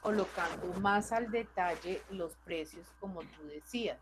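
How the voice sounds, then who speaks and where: A woman teacher leads an online class on spreadsheet charts over a computer mic, walking students through them patiently and checking with questions. Her voice is fairly low and a little slow, and the background is noisy.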